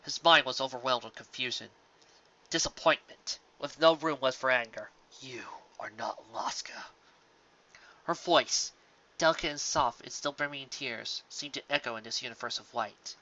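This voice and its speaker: With highs cut off in the audio, a man reads scripted fiction at normal speed in a mid-range voice, his storytelling dramatic and emphatic as it moves between loud and quiet phrases.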